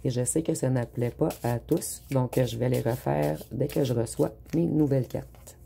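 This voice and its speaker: A tarot reader, giving an unhurried spoken reading with frequent hesitant pauses. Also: mid-range voice, gravelly, dark tone, husky.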